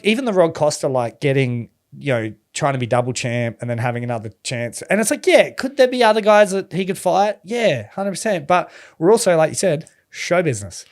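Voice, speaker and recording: A man with an Australian accent, a journalist guest telling a story in casual podcast chat, animated and swearing often. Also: on the high side.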